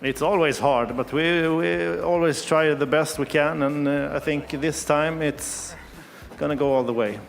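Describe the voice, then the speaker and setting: A man's voice: fairly high pitch, unhurried, gravelly. Man, short modest answers. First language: Swedish. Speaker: culinary team coach. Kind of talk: interview answers. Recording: reverberant arena hall.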